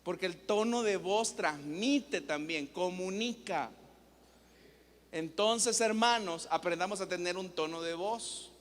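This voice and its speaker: A man's voice: high-pitched, fairly bright tone. A man preaching as pastor, teaching and asking his congregation questions. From El Salvador. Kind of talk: sermon. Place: church hall. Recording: long church reverb.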